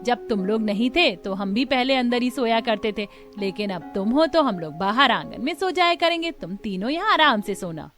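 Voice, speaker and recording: A woman's voice: fairly high pitch, lively intonation, normal speed, hardly any pauses, a bit bright, soft background music. A woman voicing a patient cartoon mother-in-law. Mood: coaxing.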